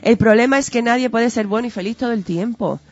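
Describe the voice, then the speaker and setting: A woman's voice: fairly high pitch, quick pace, no echo. A woman, talking through ideas as a guest in an earnest, teacherly way with lots of rhetorical questions. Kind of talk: conversational explanatory talk. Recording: dull lo-fi audio with faint music.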